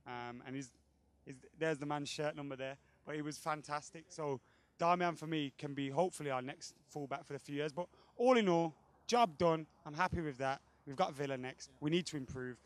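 Blunt, opinionated young male football fan. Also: on the high side. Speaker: guest football fan pundit. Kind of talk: casual outdoor interview. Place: outdoor car park by a stadium. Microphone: handheld microphone held by interviewer.

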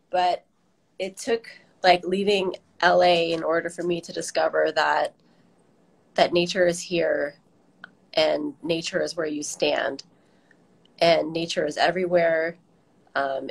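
A middle-aged American woman from Southern California, a garden director appearing as an interview guest, answers questions thoughtfully over a video call from a room in her home. Her voice sits low with vocal fry, and the audio is poor, with the device held at arm's length.

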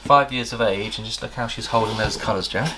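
A deep, gravelly middle-aged man hosts a snake-breeding show-and-tell vlog in an indoor reptile room lined with tubs. He's chatty and enthusiastic and pauses to recall details. The camera is across a table, and the recording is very noisy.

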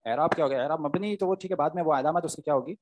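A man teaching Arabic grammar in an online class. His voice sits fairly high, and he explains patiently, step by step, stopping often to check that his students follow. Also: very fast.

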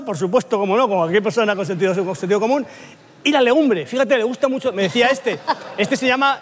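High-voiced man telling a rambling comic tale. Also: fairly bright tone, a little hiss or hum. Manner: rambling, exaggerated anecdote with swearing and laughter. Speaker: comedian panelist. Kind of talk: comic storytelling on a panel show. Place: TV studio with live audience.

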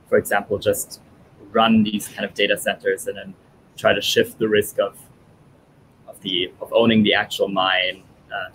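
Speaking through headphones on a video call, a man in his thirties answers interview questions as a guest, thoughtfully and with frequent fillers. He was born in Italy and raised in German-speaking Europe. His voice is fairly low and fairly bright, and the audio is poor with slight background noise.

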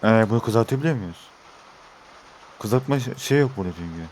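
A man's voice: fairly low pitch, animated, a little fast, a little mellow, a little hiss or hum. A young Turkish man giving let's-play commentary, talking to his viewers and getting frustrated with the game. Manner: exasperated, talks to viewers as he plays. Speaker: gaming YouTuber.

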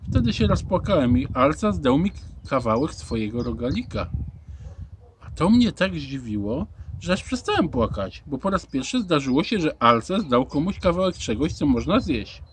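Animated male storybook narrator. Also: a little high, normal speed, slight background noise. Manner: expressive, animated. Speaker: audiobook reader.

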